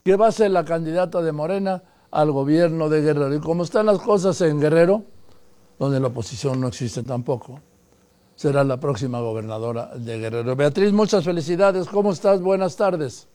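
A man's voice: fairly high pitch, moderate pace, mellow. A man hosting a broadcast news interview and asking direct, pointed questions. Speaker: interviewer host.

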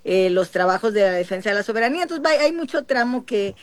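A woman with a Mexican coastal accent, a politician answering interview questions in a measured way with many pauses. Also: medium pitch, animated, no echo. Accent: Mexican, from the Guerrero coast. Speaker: interviewed senator and candidate.

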